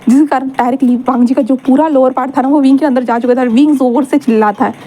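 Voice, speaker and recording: A woman's voice: high-pitched, fairly even intonation, fast talker, warm tone. A woman narrating a fan story in a casual, chatty way, rambling and correcting herself as she goes.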